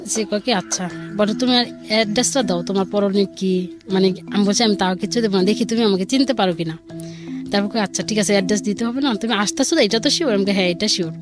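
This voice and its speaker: A fast-talking woman of medium pitch, speaking with a Bangladeshi accent, recounts her life as a caller or guest over background music. She tells it casually, acting out exchanges of dialogue in everyday language.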